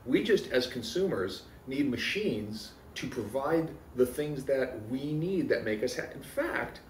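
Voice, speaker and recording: A man with a mid-pitched, highly animated voice delivers improvised comedy riffs. He is wordy and mock-serious as he trades banter. He sounds a little away from the mic in an echoey room with faint noise. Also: unhurried, recorded from a distance.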